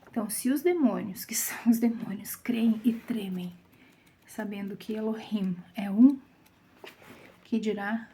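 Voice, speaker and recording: A woman with a Brazilian Portuguese accent leading a Bible study, reading scripture aloud and explaining it, sometimes dropping to a soft whisper for emphasis. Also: medium pitch, a little hiss or hum. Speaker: Bible teacher.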